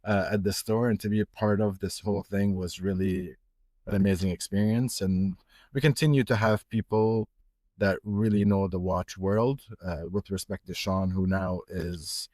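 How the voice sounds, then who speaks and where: Low-voiced man guest, halting speech. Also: fairly even intonation, darkish tone, no echo, studio quality. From Egypt. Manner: halting, many fillers and restarts. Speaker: watch retailer guest. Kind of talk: casual podcast interview.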